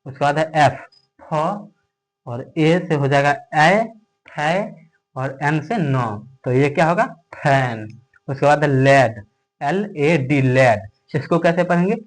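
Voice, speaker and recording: Male teacher for a beginner lesson who speaks slowly and patiently, with a slightly raised voice. He breaks each word into sounds and keeps checking in with "okay?". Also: a little high, poor audio. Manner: explains step by step, asks and answers his own questions, keeps checking in with "okay?". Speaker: English teacher. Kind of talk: classroom lesson.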